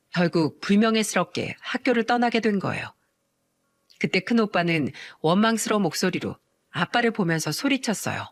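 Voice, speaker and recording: A woman narrating a first-person family story in a measured way, with rhetorical asides. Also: medium pitch, dry recording, clean studio sound.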